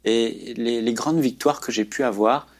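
A man's voice: mid-range voice, a little slow. Male guest, earnest preacherly storyteller, faith testimony.

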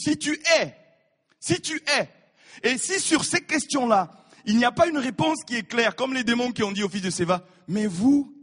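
A man preaching a sermon, animated, repeating his words and acting out the people in his stories. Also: high-pitched, breathy edge. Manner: animated, repeats words, acts out voices of biblical figures. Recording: reverberant hall.

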